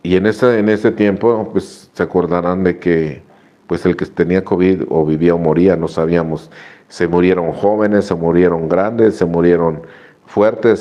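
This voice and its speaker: A man, speaking in a very low voice, gives a heartfelt personal testimony to his recovery group. He tells his story earnestly, repeats phrases and restarts them often. The sound is dull and lo-fi, like a radio broadcast. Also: dark tone.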